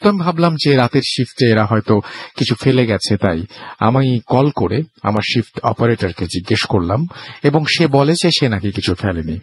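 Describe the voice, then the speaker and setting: A man's voice: mid-range voice, expressive, normal speed, husky. A man hosting a storytelling show, reading a listener's ghost story aloud, with a sore throat. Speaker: host reading a listener's email.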